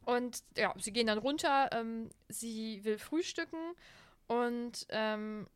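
Slow and smooth, with a voice on the high side, a young podcast co-host talks her way through a book chapter in a laid-back book chat. Her retelling is chatty and often broken up by fillers.

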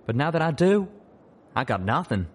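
Brief: wry, folksy young pegasus stallion, voiced by a man, drawled slang, lively delivery. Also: mid-range voice, normal speed, voice pushed up. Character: young male pegasus pony, folksy wisecracking friend.

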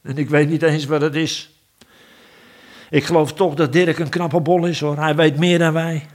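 A man voicing an excitable male dwarf blacksmith in a storybook reading, talking in fretful, high-pitched chatter. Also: moderate pace, natural voice. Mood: flustered.

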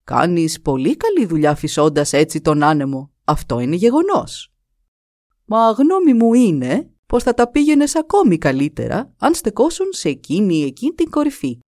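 A woman's voice: lowish voice, sing-song, warm tone, no echo, studio quality. A woman doing a stubborn, eager young hero. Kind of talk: storytelling.

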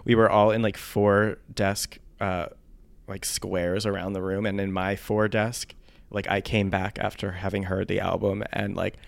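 Gravelly, smooth-voiced man chatting. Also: fairly low pitch, little pitch movement. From United States. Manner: chatty, self-mocking, quick asides. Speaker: podcast co-host. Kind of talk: casual chat.

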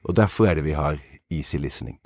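Deep husky guy hosting a podcast, chatty, wordy, bit playfully formal. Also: expressive, darkish tone, no room sound, studio quality. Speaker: podcast host.

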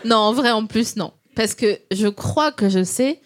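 A woman's voice: on the high side, unhurried. A woman in casual chat, joking and rambling off into absurd tangents.

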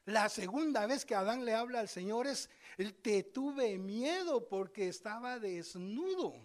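A male preacher giving a sermon, telling scripture stories with lively asides and speaking straight to his congregation. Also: sits high, measured pace. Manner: lively storytelling, acts out scripture voices; addresses congregation directly, conversational asides.

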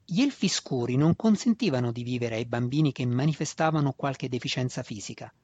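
Husky-voiced male audiobook narrator. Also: medium pitch, animated, fairly quick, a little mellow. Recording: dull dry lo-fi recording.

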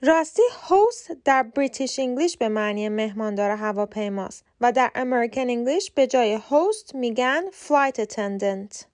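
A woman hosting a short podcast lesson, speaking Persian natively and spelling out English words letter by letter with slow, careful pronunciation. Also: a little high, animated, a little mellow. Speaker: podcast host and English teacher.

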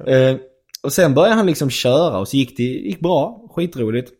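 A young man who does stand-up tells a long anecdote in a loose, casual way. His talk is rambling and padded with fillers, with an average pitch for a man. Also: expressive, darkish tone, husky. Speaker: stand-up comedian. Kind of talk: casual storytelling chat.

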